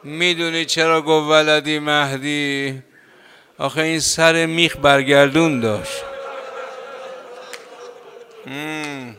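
A man preaching an emotional religious sermon, pleading and impassioned, swinging between hushed and loud delivery. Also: a little high, steady tone, gravelly, long pauses, slight background noise.

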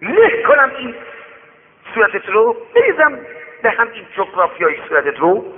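A man voicing an arrogant rich young husband who snaps and shouts threats in a high, shrill voice. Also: wildly swooping pitch, slight background noise, heavily acted. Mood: threatening. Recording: tinny radio broadcast with long reverb.

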